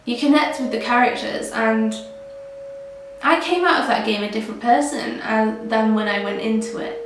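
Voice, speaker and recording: A woman's voice: on the high side, moderate pace. A young woman speaking earnestly and reflectively about her life as a gamer, to camera. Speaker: gamer interviewee. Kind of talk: personal testimony to camera. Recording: echoey room, distant mic, faint noise.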